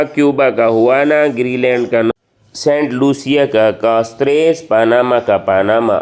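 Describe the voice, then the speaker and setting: A man teaching general knowledge, reciting a list of countries and capitals at an even rote pace and slowing down on difficult foreign names. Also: mid-range voice. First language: Urdu. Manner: steady rote recitation, stumbles and slows on hard foreign names.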